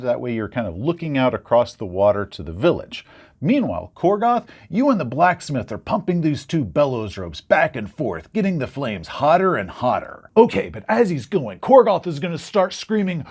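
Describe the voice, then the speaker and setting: A man and game master recounting a tabletop session, acting out scenes in an animated storytelling style. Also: slightly rough. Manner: acts out scenes with sudden leaps in pitch.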